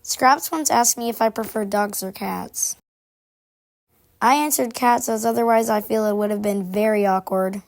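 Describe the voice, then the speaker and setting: A woman in a natural, medium-pitched voice at a moderate pace voices a prim, busy game character in a scripted monologue. The character is gossipy and confiding, aloof yet chatty, sharing secrets in formal phrasing.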